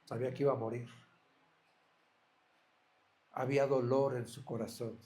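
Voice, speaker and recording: A man's voice: mid-range voice, little pitch movement, normal speed, mellow. A man preaching a sermon as a pastor, earnest, asking his listeners direct questions.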